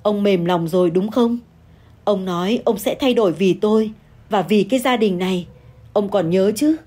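A woman voicing an older wife who answers in a calm, steady, scolding manner. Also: medium pitch, moderate pace, close to an everyday voice. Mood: firm pleading.

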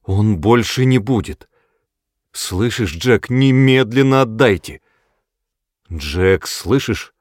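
A man reading an audiobook, voicing a calm, strong-willed mother who speaks quietly and firmly. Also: sits low, no room sound, studio quality, natural voice. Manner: quiet and measured, turning stern.

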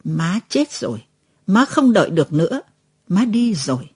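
A devoted young daughter, pleading through tears, as a woman puts her on in a storybook. Her voice is warm and slightly breathy and swings widely in pitch. The recording is close and dry. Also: big pitch swings, moderate pace, heavily acted. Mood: pleading, tearful. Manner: pleading, tearful.

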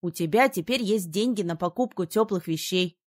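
A woman reading an audiobook, voicing a good-natured, gently teasing young male friend in a lowered, altered tone. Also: normal speed, close to an everyday voice. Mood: coaxing.

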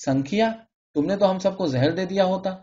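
A man voicing an anxious pharmacist's wife in a shrill, alarmed voice, on a dull lo-fi recording. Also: lively intonation, warm tone, natural voice. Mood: shrieking. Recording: dull lo-fi audio.

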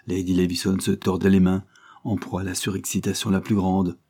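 Low-voiced male audiobook narrator. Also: monotone, fairly quick, warm tone, husky. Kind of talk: scripted narration.

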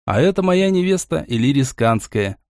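A male narrator voicing a flustered young man, the student hero, in a lower, quieter tone. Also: sing-song, normal speed, dry recording, studio quality.

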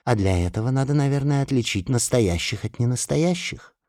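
A man's voice: mid-range voice, expressive, brisk, darkish tone, dry recording, clean studio sound, lightly acted. A man voicing a condescending young woman who explains things in a patronizing tone.

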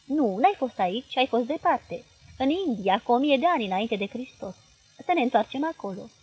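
A woman reading the part of an intense male hypnotist who coaxes and commands a girl in a trance, in a husky voice. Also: a little high, animated, darkish tone, no room sound, rough recording. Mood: coaxing. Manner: insistent, urging.

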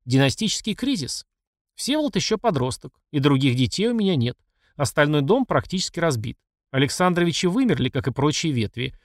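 A man's voice: fairly high pitch, sing-song, fairly quick, dry recording, clean studio sound. A man voicing a furious middle-aged emperor who scolds and accuses his mother. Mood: angry. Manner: angry and accusing.

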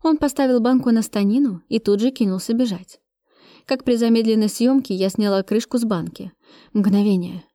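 A woman reading a first-person action story aloud, steady and brisk, close to the mic. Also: medium pitch, no room sound. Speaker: audiobook reader. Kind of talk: first-person audiobook narration.

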